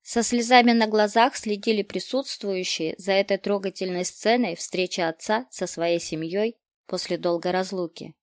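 A woman narrating a historical children's story aloud, expressive and lively, in a dry close recording. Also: mid-range voice, normal speed, no echo. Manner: expressive, animated dialogue reading. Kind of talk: storybook reading.

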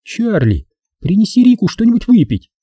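A man's voice: high-pitched, big pitch swings, a little fast, mellow, slightly rough, dry recording, clean studio sound, voice pushed up, full character voice. A man voicing a glamorous, imperious female film star who talks sweetly but gives orders. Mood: commanding. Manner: sweetly cooing, commanding.

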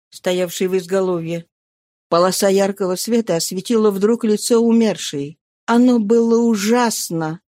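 A woman narrating an audiobook of a classic novel in a steady, measured voice. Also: fairly high pitch, dry recording, studio quality. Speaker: audiobook reader.

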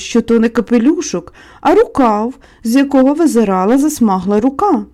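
Woman audiobook narrator, fairly high pitch, mellow tone, calm and measured delivery.

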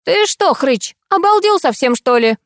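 A woman voicing a feisty, indignant older woman neighbor who scolds loudly. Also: sits high, moderate pace, dry recording, studio quality, voice pushed up, lightly acted. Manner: loud, scolding.

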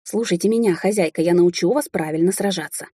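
A woman's voice: fairly low pitch, dark tone, husky, no room sound, studio quality. A woman voicing a fussy, anxious male raccoon familiar who nags and pleads in a rush. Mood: anxious lecturing. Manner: urgent, pleading, fast-talking.

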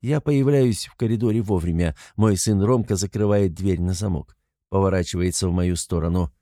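A man's voice: low voice, normal speed, warm tone, no room sound, clean studio sound. A middle-aged man narrating a first-person audiobook in a wry, teasing manner.

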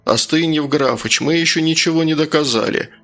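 Man voicing a calm, firm village cop. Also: on the high side, fairly quick, creaky, faint music behind, pitched above the performer's own voice. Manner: calm, businesslike.

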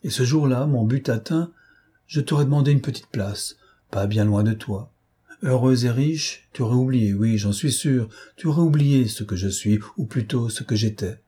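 A man voicing a weary, remorseful gentleman thief in an audiobook, speaking gravely and sorrowfully. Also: medium pitch. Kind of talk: audiobook character voice.

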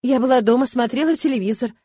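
A woman's voice: fast talker, dark tone, breathy edge, no echo. A woman reading an audiobook, voicing a frightened young woman prisoner who pleads and protests. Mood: pleading. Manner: high, pleading, tearful.

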